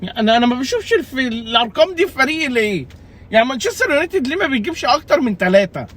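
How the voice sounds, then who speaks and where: A man's voice: very high voice, very animated, very fast, fairly bright tone. A young man with an Egyptian Arabic accent, ranting casually and jokingly about his fantasy football team, exasperated and repeating himself. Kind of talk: casual comedic rant.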